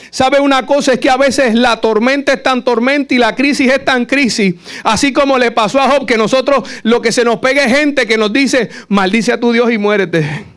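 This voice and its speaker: A man's voice: extremely high pitch, fairly bright tone, clean tone. A man preaching at a Bible study, earnest and emphatic, repeating phrases to drive each point home. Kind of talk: sermon.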